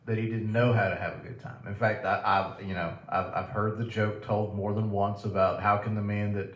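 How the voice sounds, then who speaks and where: A man's voice: on the low side, little pitch movement, moderate pace, a bit bright, reverberant. A man from Mississippi with a Southern accent, co-hosting a casual faith talk show and reading out viewer comments in an easygoing way. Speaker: co-host.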